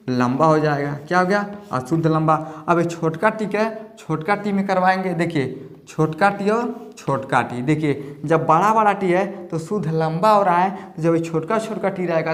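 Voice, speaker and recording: A man teaching a biology lesson at a board in a folksy, repeating key words back as questions. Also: fairly high pitch. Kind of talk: blackboard lesson.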